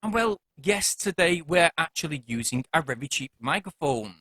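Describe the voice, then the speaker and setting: A man with a high, bright voice walks through gear in a casual review. His delivery is chatty and jokey, and his pitch swings widely from line to line. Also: animated, moderate pace, a little hiss or hum. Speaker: product reviewer.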